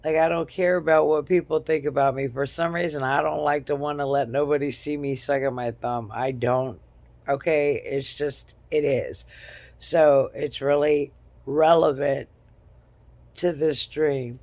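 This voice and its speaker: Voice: mid-range voice, fairly even intonation, unhurried, darkish tone, no echo. A vlogger casually retelling a dream in a rambling, repetitive way, often checking in with "okay?" and "right?".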